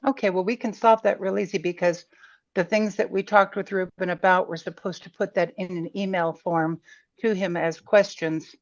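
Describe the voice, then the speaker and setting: A woman's voice: fairly low pitch, fairly even intonation, moderate pace. A woman in a planning meeting, heard over a group online voice call, explaining things in a plain, slightly rambling way. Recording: dull lo-fi call audio, dry.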